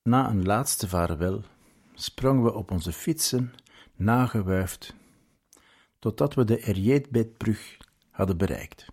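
Slow, dark male storyteller. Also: lowish voice, breathy edge. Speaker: narrator. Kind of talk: scripted story narration.

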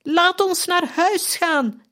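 A woman voicing a dying young male friar who cries out in anguish, high and slow. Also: fairly bright tone, heavily acted. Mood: pleading.

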